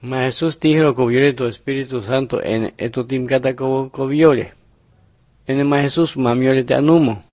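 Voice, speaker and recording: A man narrating numbered Bible picture lessons in a steady, measured reading style. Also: mid-range voice, no echo, dull audio. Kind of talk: scripted religious narration.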